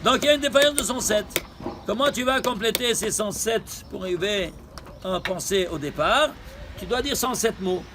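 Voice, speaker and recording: A man teaching a Torah lesson with gematria, animated and questioning, repeating phrases. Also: high voice, moderate pace, noisy background. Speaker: rabbi teaching Kabbalah.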